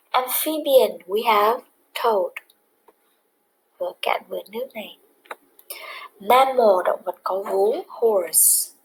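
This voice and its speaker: A woman's voice: mid-range voice, creaky, slight background noise, low-quality recording. A woman English teacher patiently explaining a lesson to children, switching between English and another language.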